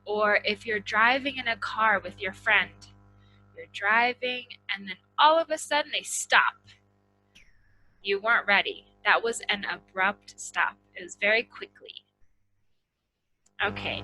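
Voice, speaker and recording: A woman teaching an English vocabulary and intonation lesson, slowly and deliberately, repeating words so students can practice. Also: medium pitch, pushed and bright, low-quality recording.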